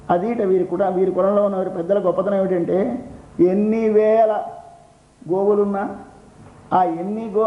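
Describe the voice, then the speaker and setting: Older man giving a high-pitched devotional discourse. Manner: expounds slowly, repeats phrases, chants verses in song. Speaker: religious discourse speaker. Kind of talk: devotional discourse explaining a Tamil hymn. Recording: roomy, dull lo-fi recording with faint noise.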